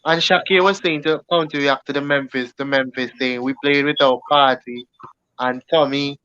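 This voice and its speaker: A man's voice: medium pitch, fairly even intonation, moderate pace, bright, forceful tone, smooth, dry recording, muffled recording. A man hosting a casual football podcast, reading out viewer comments in a laid-back way.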